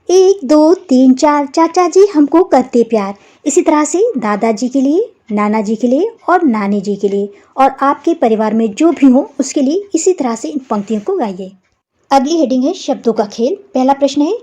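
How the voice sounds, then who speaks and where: A woman teaching a young children's class lesson, explaining slowly and patiently and spelling out words one by one. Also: on the high side, darkish tone.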